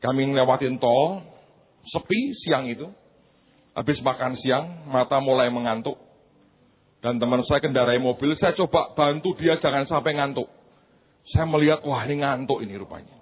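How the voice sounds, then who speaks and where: A man pastor preaching a sermon, swinging from quiet asides to high shouted preaching, with humorous stories and acted-out quotes. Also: moderate pace, slightly rough. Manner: tells humorous anecdotes and acts out quoted voices. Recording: thin phone-like sound.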